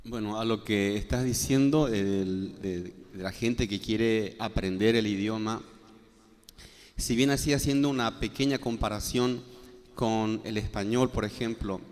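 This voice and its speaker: A man's voice: fairly low pitch, a little slow, a little mellow. A man giving a classroom lecture, spelling out letters one by one with many "eh" fillers. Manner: explanatory, spells out letters one by one, frequent "eh" and "este". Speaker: guaraní language teacher. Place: classroom with students. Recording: long reverb in a hall.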